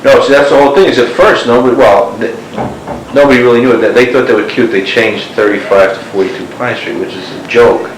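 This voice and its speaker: On an old cassette tape, a man with a mid-range voice talks quickly as an interviewee who used to be a neighbor. His answers wander, peppered with "you know" and "like," and the tape hisses and echoes.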